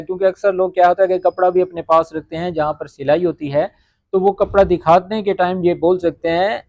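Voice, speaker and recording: High-voiced male Arabic teacher, dry sound. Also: a little mellow, dry recording. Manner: repeats Arabic phrases slowly, often asks "ٹھیک ہے؟". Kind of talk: spoken-Arabic lesson, explaining phrases.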